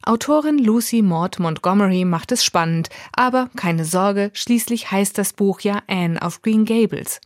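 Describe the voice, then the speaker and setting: A woman presenting a scripted audiobook review in a lively, clear way. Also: medium pitch, dry recording, clean studio sound. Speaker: book reviewer.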